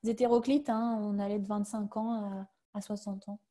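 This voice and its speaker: A woman's voice: mid-range voice, flat delivery, normal speed, warm tone. A woman guest on a webinar answering questions about her career change, talking casually with many fillers and restarts over a video call.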